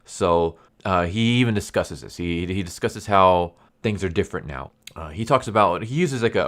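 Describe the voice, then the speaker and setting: A man's voice: low-pitched, fairly bright tone. A man who speaks English as a second language and says w for r, stumbling over words as he gives a casual, rambling comic book review. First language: a language other than English. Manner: says w for r, slows down on r sounds.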